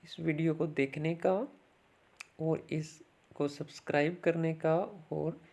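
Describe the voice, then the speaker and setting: A patient language teacher who walks through each sound at an unhurried, measured pace. The voice is low-key and gravelly, holding an even, level tone with little rise or fall. Each word gets said twice, slowly, so the learner can copy it. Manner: patient, step-by-step explanations. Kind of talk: recorded online language lesson.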